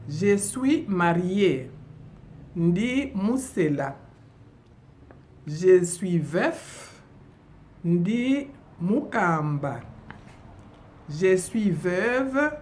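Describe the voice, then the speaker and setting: A woman from DR Congo teaching a bilingual vocabulary lesson, saying each phrase slowly and deliberately and repeating it. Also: lowish voice, big pitch swings, a little mellow, a little hiss or hum. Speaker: language teacher.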